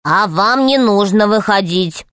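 A woman's voice: mid-range voice, animated, measured pace, fairly bright tone, clean tone, no echo, studio quality. A woman voicing a sly small male alien hotel keeper whose voice comes muffled through a closed door. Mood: falsely soothing. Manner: sly, falsely reassuring. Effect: muffled voice heard through a closed door. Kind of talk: audiobook narration.

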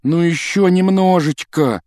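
A man voicing an anxious, excitable young teenage boy wizard in an audiobook, pleading and shouting. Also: mid-range voice, moderate pace, dry recording, studio quality, close to an everyday voice. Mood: frantic.

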